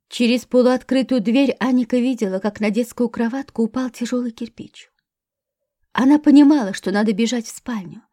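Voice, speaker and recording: A woman narrating a thriller audiobook with a tense, measured reading. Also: a little high, warm tone, no room sound, clean studio sound.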